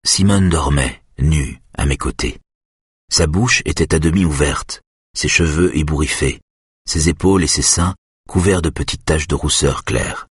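A man reading a first-person novel aloud as an audiobook narrator, calm and measured. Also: very deep voice, breathy edge, no echo, clean studio sound.

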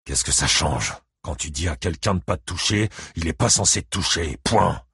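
A man voicing a furious, hot-tempered male ex-convict in an audiobook, barking shouts and bitter mutters. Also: sits low, lively intonation, moderate pace, slightly rough, dry recording, studio quality, heavily acted.

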